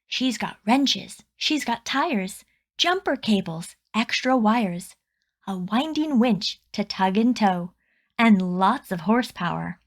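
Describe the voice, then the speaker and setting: A woman reads a rhyming children's picture book aloud, her phrasing deliberate and expressive like a storyteller's. Her voice sits at a medium pitch.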